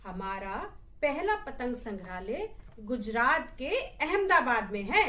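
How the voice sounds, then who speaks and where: Brief: a female teacher with a high, animated voice, talking slowly to little kids in a roomy space. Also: recorded from a distance. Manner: warm storytelling to small children, questions then answers herself. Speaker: primary school teacher. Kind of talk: children's lesson presentation.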